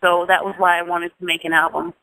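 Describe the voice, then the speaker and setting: She talks fast in a low voice with little pitch variation; the recording has no echo but is low quality. The Jamaican singer, in her thirties, is a thoughtful, casual interview guest who restarts phrases often and laughs softly.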